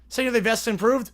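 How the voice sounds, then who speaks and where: On his football watch-along stream, a young man from Long Island, New York calls every snap live, then slips into relaxed chat and viewer questions between plays. He's in his twenties, and his voice sits fairly high for a man.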